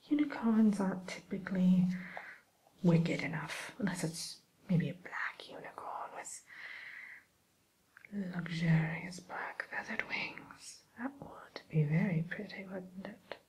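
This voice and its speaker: A woman playing a sly, genteel wicked witch in an ASMR roleplay, speaking in a breathy whisper with polite, coaxing hesitations. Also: mid-range voice, close to an everyday voice, poor audio. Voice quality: breathy whisper, mostly unvoiced. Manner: slow, polite, hesitant, coaxing tag questions.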